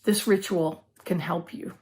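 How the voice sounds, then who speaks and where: Woman minister, direct and measured, slightly low voice, sermon delivery. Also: steady tone, a little mellow.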